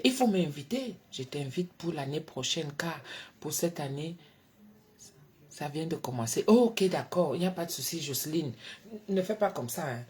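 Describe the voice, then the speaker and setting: A woman hosting a late-night live stream from home, reading out viewers' names and answering them, swinging between soft murmurs and loud exclamations. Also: sits low, a little hiss or hum. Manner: reads out and answers viewers by name. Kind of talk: casual live-stream chat. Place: her home at night, indoors.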